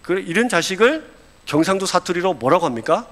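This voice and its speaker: A man's voice: high-pitched, sing-song, fairly quick, fairly bright tone, in a large hall. A man, an associate pastor, preaching a sermon and putting questions to the congregation.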